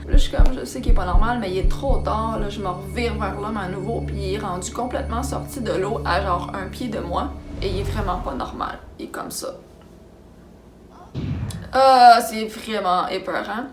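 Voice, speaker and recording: A young woman with a Québécois accent telling a story in a casual, animated, dramatic way. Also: medium pitch, moderate pace, hardly any pauses. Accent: Québécois French. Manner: animated, dramatic, acts out sounds and quotes. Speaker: vlogger. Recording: roomy echo with background music.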